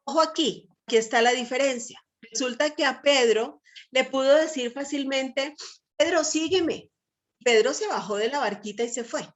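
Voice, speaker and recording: A middle-aged woman giving a Bible teaching talk, emphatic and lively, constantly checking in with listeners through tag questions. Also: high voice, normal speed.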